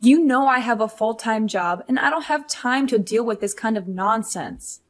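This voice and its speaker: A woman's voice: a little high, animated, normal speed, close to an everyday voice. A woman voicing a frustrated young career wife who pleads and complains about her mother-in-law. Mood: exasperated. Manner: pleading, exasperated. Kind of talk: animated story voice acting.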